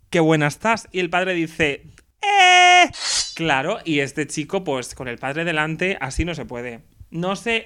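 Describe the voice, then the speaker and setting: Hombre presentador juguetón y expresivo, voz brillante. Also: male voice, a little high, smooth. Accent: Spanish from Spain. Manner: playful, camp and expressive, acting out scenes. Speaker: podcast host. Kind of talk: casual chat recapping a TV episode.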